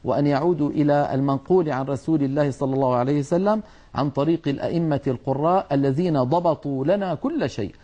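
A man teaching Quran recitation, explaining letter sounds earnestly and sometimes scolding, drawing out his demonstrations slowly. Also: a little high, warm tone, highs cut off. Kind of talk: tajweed lesson.

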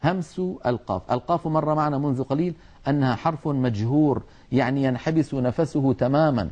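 A man teaching Quran recitation, explaining letter sounds earnestly and sometimes scolding, drawing out his demonstrations slowly. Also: medium pitch, darkish tone, dull audio. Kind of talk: tajweed lesson.

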